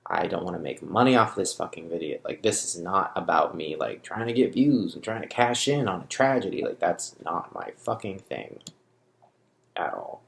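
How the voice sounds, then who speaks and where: A man's voice: low-pitched, lively intonation, moderate pace, vocal fry. A young man talking openly to camera as a vlogger, blunt and profane, rambling and raw with grief. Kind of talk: unscripted confessional monologue to camera. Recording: roomy echo.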